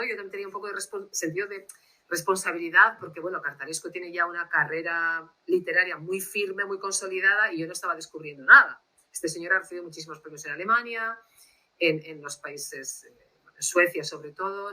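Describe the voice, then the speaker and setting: Lady translator chatting on a video call, quick lively storyteller, bright voice. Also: on the low side, poor audio. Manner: lively anecdotal storyteller who acts out dialogue. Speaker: literary translator, guest. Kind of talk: casual storytelling interview.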